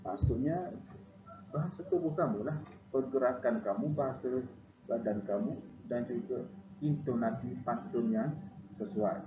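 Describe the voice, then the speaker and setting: A man's voice: medium pitch, a little slow, long pauses. Malaysian guy teaching a class online, lots of "ah", repeats stuff, echoey room. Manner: repetitive, frequent "ah" fillers, instructive. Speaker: primary school teacher. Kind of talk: recorded online lesson. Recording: echoey, dull lo-fi, noisy.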